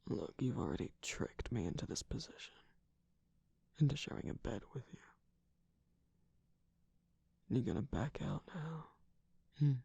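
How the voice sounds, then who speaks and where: A man voicing a sly, distrustful jester cookie villain in an intimate ASMR roleplay, teasing and theatrical in a breathy, husky, often whispered voice close to the microphone. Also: medium pitch, very animated, normal speed, mellow, dry recording, exaggerated voice. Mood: sleepy, teasing. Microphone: close-up microphone, dry.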